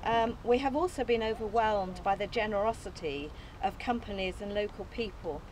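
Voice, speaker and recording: Speaking at normal speed in a mid-range, slightly mellow voice, an older woman from England delivers her opening speech as founder of an allotment group. She reads from notes outdoors on an open field, earnest and modest, with small hesitations and light laughs. A little hiss or hum is present; the camera is distant, no mic.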